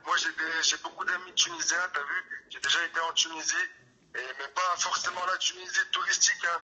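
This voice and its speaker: Male phone-in caller, Paris suburban accent, very raspy and sharp-edged, casual French street slang over a telephone line. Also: a little high, little pitch movement, fairly quick. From Paris suburbs, France. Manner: French street slang, repeats checking tags. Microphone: phone call. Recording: muffled, harsh telephone line.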